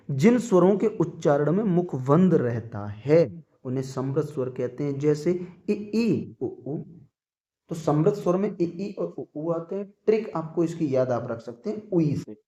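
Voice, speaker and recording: A man's voice: a little high, warm tone, echoey room, lo-fi sound. A man teaching an exam-prep grammar lesson, repeating points and often checking whether students have understood.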